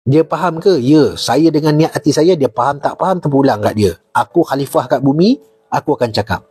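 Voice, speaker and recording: Here the retired army officer guest, a middle-aged man with a Malaysian Malay accent, speaks a bit fast in a higher voice with a breathy edge. He chats casually and animatedly, telling stories, repeating his main points, and tossing rhetorical questions at the audience.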